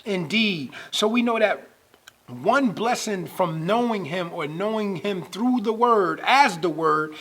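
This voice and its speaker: Preacher, male, husky and a bit high-pitched, swells into emphatic scripture reading. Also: lively intonation, unhurried, a bit bright. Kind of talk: sermon.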